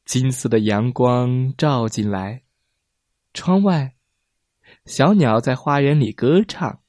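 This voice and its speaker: A man narrating a children's story in a slow, expressive storytelling manner. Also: medium pitch, no room sound.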